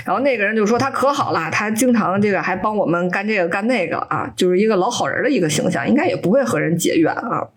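A woman podcast host casually retelling a story, animated and often laughing, slipping in short character voices. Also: mid-range voice, fast, hardly any pauses, slightly rough.

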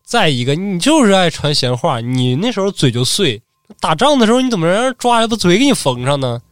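A man's voice: sing-song, brisk, smooth, no room sound, studio quality. A man voicing an old samurai's wife who wails and scolds her husband. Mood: scolding. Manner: scolding, shrill and wailing. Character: nagging wife of an old samurai, about sixty.

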